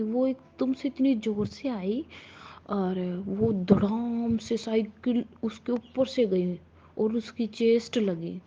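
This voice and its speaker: A woman's voice: on the high side, mellow, slightly rough. A woman, likely in her thirties, telling a personal devotional testimony to a congregation, hesitant with frequent restarts. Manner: hesitant, restarts often, addresses listeners as sangat ji. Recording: dull lo-fi recording.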